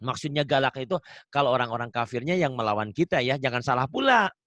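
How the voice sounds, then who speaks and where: A man teaching the Quran online, chanting verses slowly and melodically, then explaining them in an animated, emphatic way. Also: medium pitch, no echo. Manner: animated, emphatic storytelling with rising bursts of emphasis. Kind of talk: Quran recitation and religious teaching. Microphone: video call.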